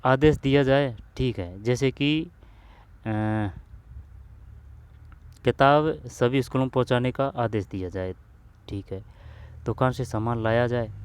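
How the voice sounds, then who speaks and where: A man's voice: medium pitch, a little mellow. Man muttering through exam questions aloud. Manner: thinks aloud, repeats phrases, mutters to himself; addresses viewers as bhai, asks if they understood. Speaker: exam coach. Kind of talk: casual Hindi grammar lesson solving old exam questions.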